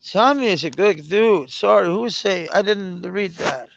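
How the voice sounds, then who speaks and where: Danish-accented man, casual streamer, gravelly, slow drawl, profane and rambling, dull lo-fi mic. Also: high-pitched, no echo. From Denmark. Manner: rambling, profane, laughs often. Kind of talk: casual livestream chat.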